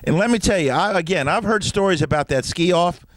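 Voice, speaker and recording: A man's voice: high voice, lively intonation, a little fast, slight background noise. A man hosting a casual interview, jumping in with short friendly prompts. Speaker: interview host.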